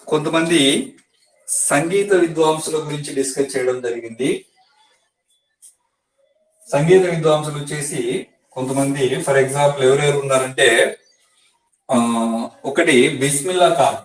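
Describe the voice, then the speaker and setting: Teacher man, echoey and far off. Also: a little high. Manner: explains step by step, repeats key facts to memorize. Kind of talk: exam-prep science lesson. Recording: echoey room, voice from a distance.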